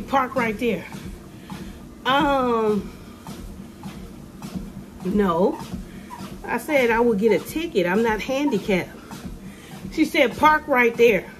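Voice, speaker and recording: A middle-aged woman ranting to a phone camera in a casual vlog, animated and sassy, with sudden high exclamations. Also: background noise. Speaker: vlogger. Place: room with ceiling lights, indoors. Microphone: phone camera held below face.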